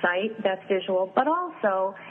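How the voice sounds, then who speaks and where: A woman appraiser answering interview questions in a measured, explanatory way, listing points step by step, heard over a phone line. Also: mid-range voice, animated. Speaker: fine art and wine appraiser, guest. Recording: tinny phone line with faint hiss.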